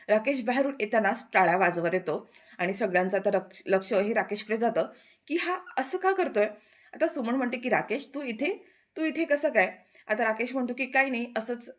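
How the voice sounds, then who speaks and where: Brief: female recap narrator, brisk pace, slightly high, lively storytelling of a TV serial. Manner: quick, animated retelling with quoted lines. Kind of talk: casual episode recap retelling dialogue.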